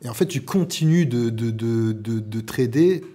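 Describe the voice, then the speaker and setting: A man's voice: mid-range voice, lively intonation, unhurried, warm tone, slightly rough. A man chiming in as a fellow trader, hesitant with many fillers.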